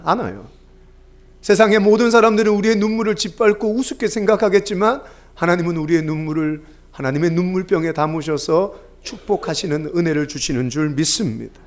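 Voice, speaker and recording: A man preaching a sermon, telling stories and building to fervent exhortation. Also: sits high. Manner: impassioned, swelling into fervent exhortation; storytelling, acting out quoted dialogue.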